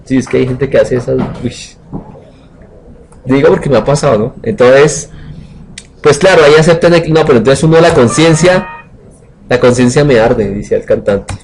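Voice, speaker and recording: A man's voice: mid-range voice, moderate pace, darkish tone, a little hiss or hum, low-quality recording. A man teaching programming in a live coding lecture, joking, colloquial and asking the class questions.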